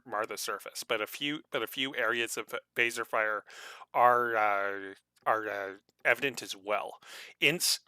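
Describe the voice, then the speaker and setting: A man narrating a tabletop role-playing game as game master, halting and stumbling, with many fillers and restarts. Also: medium pitch, sharp tone, no echo.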